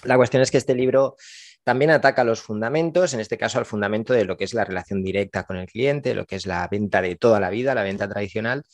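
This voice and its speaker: Low-voiced man from Spain, relaxed podcast chat. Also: quick pace, no room sound. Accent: Spain Spanish. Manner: relaxed, rambling, frequent fillers and self-corrections. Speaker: podcast co-host. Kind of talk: casual podcast chat about books.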